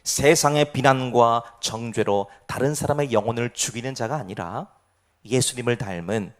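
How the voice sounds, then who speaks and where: A male pastor preaching a sermon, asking the congregation questions and swinging between loud cries and quiet asides. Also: medium pitch, normal speed. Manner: asks the congregation rhetorical questions.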